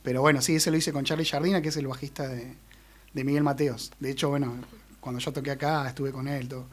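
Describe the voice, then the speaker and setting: An Argentine man in his forties, a musician guest chatting casually with relaxed slang and fillers in a radio studio. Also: medium pitch, fast talker. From Argentine Patagonia. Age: 40s. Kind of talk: casual interview chat.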